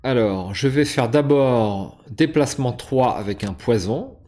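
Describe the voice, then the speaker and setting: A man's voice: mid-range voice, lively intonation, a little slow, dark tone. Hesitant man explaining a board game. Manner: hesitant, many fillers and restarts. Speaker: board game channel host. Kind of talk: casual gameplay explanation.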